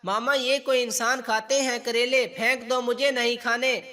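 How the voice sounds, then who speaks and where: A man's voice: very high voice, little pitch movement, moderate pace, bright, forceful tone. A man voicing a playful, spoiled teenage girl in a family story, teasing and whiny.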